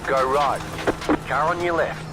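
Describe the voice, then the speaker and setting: A man voicing a terse race spotter who calls out traffic and lap times in clipped, flat short calls, over loud car engine noise. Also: a little high, measured pace, close to an everyday voice.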